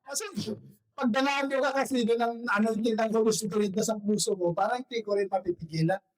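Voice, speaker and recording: A hoarse male pastor preaching a lively sermon, switching between Tagalog and English and putting questions to the congregation. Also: sits high, a little fast, poor audio. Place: church service.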